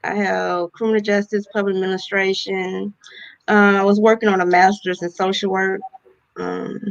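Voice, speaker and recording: Gravelly-voiced woman from Louisiana. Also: mid-range voice, level tone, normal speed, dull audio. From Louisiana, USA. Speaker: guest, real estate investor. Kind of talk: casual interview conversation.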